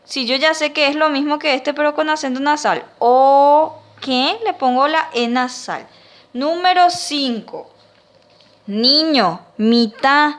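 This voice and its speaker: A woman's voice: sits high, a little slow, fairly bright tone. A woman teacher with a Paraguayan Spanish accent, patiently dictating words and sounding them out syllable by syllable in a classroom lesson.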